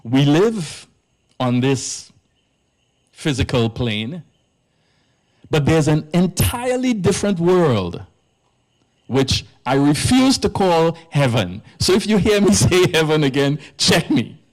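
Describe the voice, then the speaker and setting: A man's voice: on the high side, big pitch swings, slow pace. A man from Trinidad, a priest giving an earnest public lecture at a live event in an arts centre, stressing his key words.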